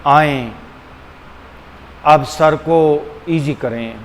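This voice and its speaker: A yoga and meditation teacher with a slightly high voice guides a meditation very slowly, giving deliberate instructions, repeating phrases and pausing often. He switches between Hindi-Urdu and English, and the recording has a long hall reverb and a faint background hum.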